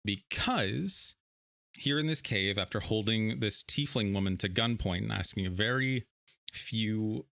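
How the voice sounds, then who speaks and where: Young guy streaming dnd, bright dry voice, kinda low, rambles with lots of ums. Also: creaky, no echo. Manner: rambling, animated, with fillers. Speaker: streamer and player. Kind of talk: casual tabletop game play, describing his character.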